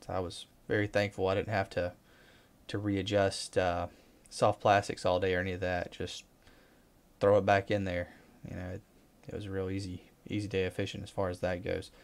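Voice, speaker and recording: A man casually commenting over his fishing footage, relaxed and rambling with excited bursts. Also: low voice, normal speed. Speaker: fishing vlogger.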